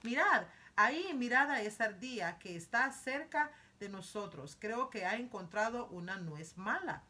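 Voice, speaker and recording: A woman reading aloud as an eccentric, cheerful male candy-factory owner who shows things off quickly and excitedly. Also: a little high, heavily acted. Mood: explaining.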